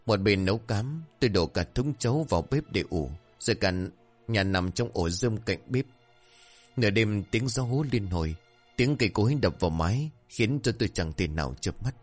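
A man voicing a frightened village father who recounts events and pleads urgently. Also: on the low side. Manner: urgent, panicked.

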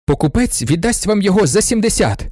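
A man's voice: fairly high pitch, animated, normal speed, dark tone, no room sound, clean studio sound, pitched above the performer's own voice. A man voicing a proud young man who speaks formally with tight, pointed control in a storybook reading. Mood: stiff. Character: proud, tense young man standing up for his father.

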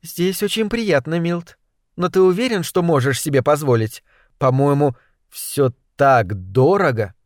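A man softly doing a careful, hesitant young woman in a storybook reading, her voice a little lifted and hushed, on a dry close recording with no room around it. she holds back and answers in short, guarded lines. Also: fairly high pitch, animated, a little slow, no echo. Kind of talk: audiobook character voice.

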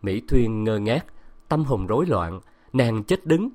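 A man narrating a story in a steady, measured reading voice. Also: fairly low pitch. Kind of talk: scripted audiobook narration.

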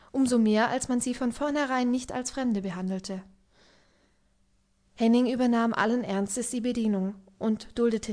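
Woman calmly narrating an audiobook. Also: on the high side. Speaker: audiobook reader. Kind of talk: literary narration.

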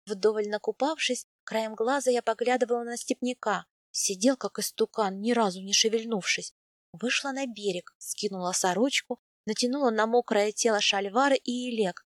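A woman reading a first-person novel aloud in an even, intimate storytelling manner. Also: on the high side, moderate pace, dry recording, studio quality. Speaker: audiobook narrator. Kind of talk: first-person scripted narration.

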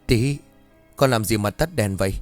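A man's voice: on the low side, normal speed, faint music behind, natural voice. A man voicing a scared young mother in a horror story, with a raised, tense delivery. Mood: anxious. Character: frightened young mother, woman.

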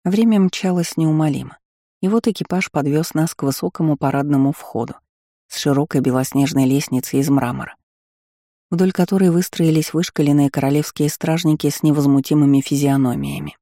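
A man narrating an audiobook in a calm, even reading voice. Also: a little high, brisk, no echo, studio quality. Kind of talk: scripted narration.

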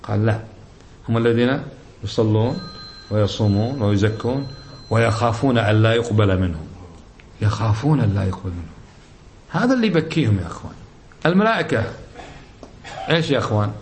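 A man's voice: lowish voice, animated, a little fast, pauses often, slight background noise. A middle-aged man giving a religious lesson in colloquial speech. He exhorts his listeners and fires off rhetorical questions. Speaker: religious teacher.

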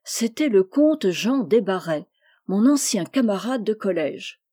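A woman reads a classic short story aloud with measured, expressive pacing. Her voice is mellow and dark-toned at an average pitch. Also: husky. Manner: measured, expressive literary reading. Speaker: narrator.

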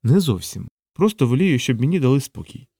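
A man as a calm, courteous Mennonite elder. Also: medium pitch, a little fast, slightly rough, dry recording, clean studio sound. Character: calm, polite Mennonite community leader, man.

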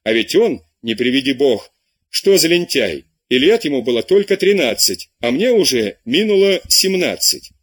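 Man voicing a pleading teen schoolboy in an audiobook, husky, lively pitch. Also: moderate pace. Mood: persuading. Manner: begging, apologetic. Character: pleading 17-year-old male pupil, timid.

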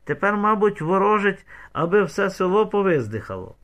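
Man doing a shrill, spiteful village woman, screeching, venomous, high voice, piercing bright tone, audiobook figure. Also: sing-song, normal speed. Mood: screeching abuse.

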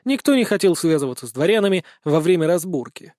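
A man narrating a fantasy audiobook in the first person with an even storytelling delivery. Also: fairly high pitch, quick pace, no echo, clean studio sound.

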